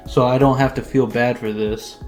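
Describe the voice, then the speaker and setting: A man's voice: medium pitch, steady tone, moderate pace, a little mellow, soft background music, close to an everyday voice. Angry young hero in an audio fan story, plain voice, man performing. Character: angry determined boy fighter.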